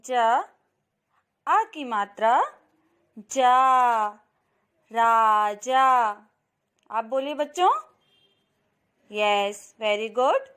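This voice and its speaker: A woman teaching a slow, clear phonics lesson to young children, stretching out each syllable and often calling out to them. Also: a little high, animated. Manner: drawn-out syllables, addresses children warmly; very slow, careful pace. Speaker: kindergarten teacher.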